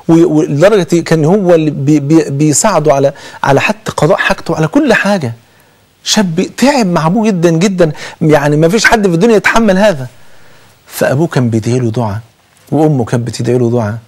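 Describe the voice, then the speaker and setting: Egyptian guy preaching quick n chatty, kinda high voice, lots of oaths. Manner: animated storytelling with frequent oaths. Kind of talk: conversational sermon.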